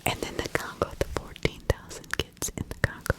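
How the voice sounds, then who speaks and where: A woman hosts ASMR true-crime commentary in a breathy, unvoiced whisper, talking a little fast. She keeps it conversational and repeats points for emphasis.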